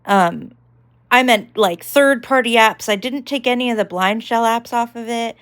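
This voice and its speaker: A woman's voice: on the high side, moderate pace. A woman vlogger giving a casual tech demonstration, rambling with lots of fillers.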